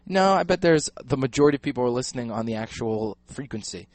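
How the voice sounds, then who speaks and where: A man co-hosting a loose, casual talk radio show, animated and joking, talking into a headphone mic in a studio. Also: medium pitch, fast, dry recording. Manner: animated, joking, says dude a lot. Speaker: radio co-host.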